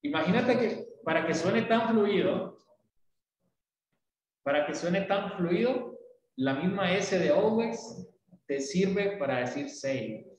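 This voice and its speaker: A man from Latin America gives a patient English lesson, explaining with images and checking in with questions. His voice sits a little high. It rings through a strongly echoey room. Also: animated, slow pace, pauses often, a little hiss or hum. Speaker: English teacher.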